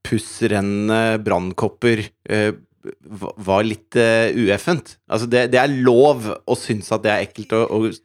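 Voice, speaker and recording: A man's voice: fairly low pitch, fairly even intonation. A man in casual chat over a video call who cuts in with dry jokes. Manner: dry, joking interjections.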